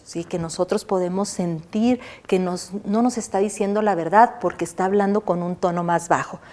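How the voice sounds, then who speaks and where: A university lecturer from Mexico who teaches a recorded class, asking the class questions and answering them herself, and checking in with "¿sí?". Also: female voice, mid-range voice, darkish tone. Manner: checks in with the listener by adding "¿sí?"; demonstrates walking and a pencil exercise while she talks.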